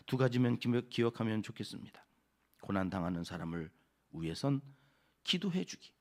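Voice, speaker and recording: A man's voice: on the low side, big pitch swings, moderate pace, darkish tone. A male pastor giving a conversational early-morning sermon, often asking the congregation questions and answering them himself.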